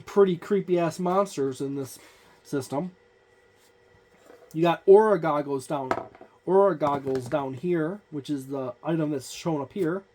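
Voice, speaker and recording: There is slight background noise as a tabletop gaming host goes through a book page by page, pointing out details. The mid-range voice is unhurried and a little mellow, and the casual walkthrough rambles with many fillers.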